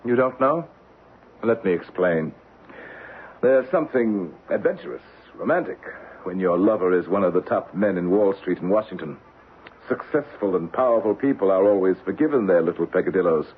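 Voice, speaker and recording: An American actor with a deep, natural male voice plays a proud, combative, cynical middle-aged Wall Street financier under siege in an old-time radio drama. His delivery is clipped and argumentative, heard through a muffled, noisy old broadcast.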